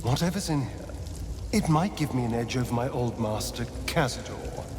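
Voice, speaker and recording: Astarion, a theatrical, lively vampire played by a man. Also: medium pitch, noisy background, lightly acted. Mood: calculating, wry. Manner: theatrical, arch, drawn-out emphatic phrasing. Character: suave, bitter male vampire spawn, two centuries old, former magistrate. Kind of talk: theatrical video game dialogue. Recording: roomy reverb, music behind.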